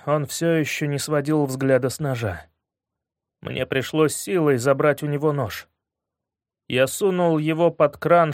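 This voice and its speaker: A man reading a first-person story aloud in a measured way, dropping low and quiet on grim moments. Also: dry recording, studio quality. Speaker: audiobook narrator.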